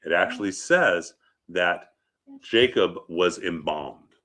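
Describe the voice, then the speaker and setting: Deep-voiced yet pushed and bright, an animated rabbi speaks slowly as he teaches about funeral customs. He has a head cold and sniffles a little, and his informal lecture is peppered with short check-in questions.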